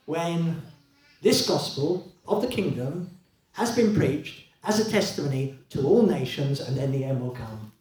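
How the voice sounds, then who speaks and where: Man preaching, animated, in an echoey hall. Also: a little high, unhurried, far from the mic. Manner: animated, conversational preaching with rhetorical questions. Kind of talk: sermon. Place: church hall.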